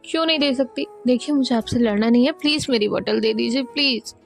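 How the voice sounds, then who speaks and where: A woman's voice: fairly high pitch, brisk, creaky, faint music behind. A woman voicing a stubborn, childish young woman who insists on getting her way. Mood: demanding. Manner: insistent, demanding.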